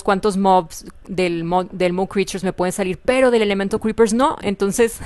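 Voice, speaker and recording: A woman with a Mexican Spanish accent giving casual, chatty commentary over gameplay and repeating her words often. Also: mid-range voice. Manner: chatty, excitable, repeats herself, frequent laughs. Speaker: gaming video host.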